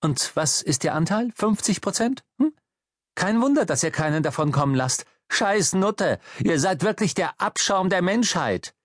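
A frantic middle-aged man begs and snarls in a strained, raised voice, as a male audiobook reader puts him on. His tone climbs high when he gets worked up. The sound is dry and close, as in a small booth. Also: animated, normal speed, hardly any pauses, slightly rough, no room sound. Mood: abusive. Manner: pleading then abusive, raised shouting voice. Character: desperate angry middle-aged man, insulting. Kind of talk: audiobook reading.

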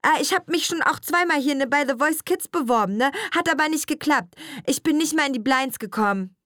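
A woman's voice: high voice, brisk, pushed and bright, dry recording, clean studio sound, pitched above the performer's own voice. A woman voicing a self-important fourteen-year-old schoolgirl who rambles with fillers. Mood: eager.

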